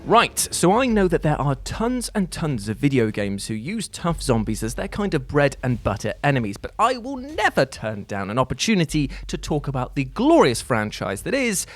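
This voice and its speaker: A man's voice: on the high side, wildly swooping pitch, moderate pace, hardly any pauses, dry recording. Playful male game narrator. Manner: playful, jokey, theatrical. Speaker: host. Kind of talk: scripted video narration.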